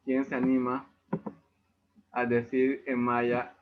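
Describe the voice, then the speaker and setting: A man's voice: mid-range voice, monotone, slow. A man with a Yucatecan Spanish accent teaching a language class over a video call, explaining patiently. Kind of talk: online class lesson. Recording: tinny video-call audio.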